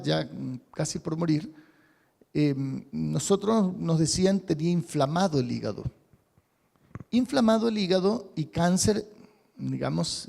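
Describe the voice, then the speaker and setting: A male pastor preaches in an animated, conversational way, acting out prayers and often checking in with his listeners. His voice sits high for a man and has a gravelly fry. The sound carries the long reverb of a church hall. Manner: animated, acts out sample prayers, asks "¿sí?" often. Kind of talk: sermon.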